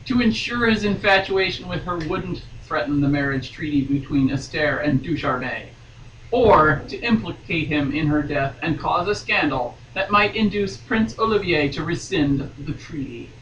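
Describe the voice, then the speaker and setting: On a podcast, a female guest reads a romance novel aloud with dramatic flair, stopping now and then for playful, mock-dramatic asides. Her voice is deep and expressive, fairly bright in tone, at a normal pace. The distant mic gives a dull, roomy sound with faint noise.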